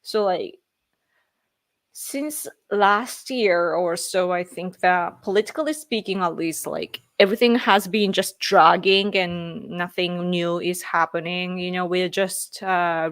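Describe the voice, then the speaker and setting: A livestream host from Japan, speaking with a Japanese accent, chats casually, rambling, laughing often and reading viewer comments aloud. Her voice is lowish and a bit bright.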